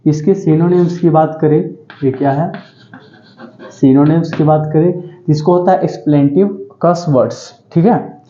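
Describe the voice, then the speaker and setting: A male English vocabulary teacher gives an exam-prep vocabulary lecture in a slightly high, warm voice with fairly even intonation and a measured pace. He drills each word repetitively, peppering his delivery with "ठीक है" and questions to himself. The lo-fi recording sounds roomy, dull and echoey.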